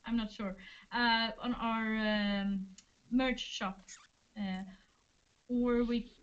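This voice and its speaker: A woman's voice: on the high side, steady tone, very slow, dull audio. A woman, a band member hosting a casual livestream Q&A, chatty and hesitant, often laughing. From Sweden.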